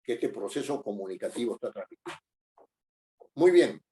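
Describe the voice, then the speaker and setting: A man's voice: lowish voice, animated, normal speed, warm tone. A middle-aged man teaching a class, explaining patiently with many fillers and tag questions. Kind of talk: online class lecture.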